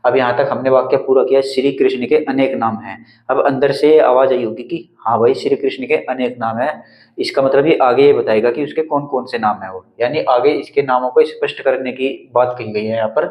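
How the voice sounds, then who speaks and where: A man's voice: medium pitch, steady tone, brisk. A male Hindi teacher explaining punctuation on a whiteboard, step by step, repeating each example. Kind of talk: whiteboard grammar lesson. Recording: echoey room, slightly dull sound.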